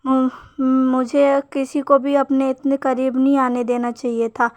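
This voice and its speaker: Insistent young married man, coaxing, high and level as a woman reads a fan story. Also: level tone, unhurried, darkish tone. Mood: soothing.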